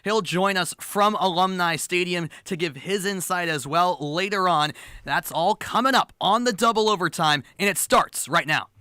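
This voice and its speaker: A man's voice: high voice, normal speed, pushed and bright, clear, resonant tone. A man hosting a post-game sports talk show on the radio.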